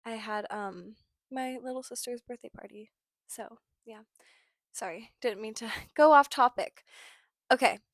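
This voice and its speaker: A young woman hosting a personal podcast, reflecting in a halting, tired way with many filler words and apologies. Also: fairly high pitch, no room sound, studio quality. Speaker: podcast host.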